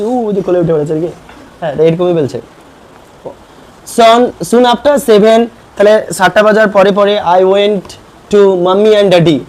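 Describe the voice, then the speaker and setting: A man's voice: fairly high pitch, a little mellow, distant mic. Male tutor in an echoey classroom. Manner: explains line by line, quizzes the class. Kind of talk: classroom English lesson. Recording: roomy classroom taped from afar.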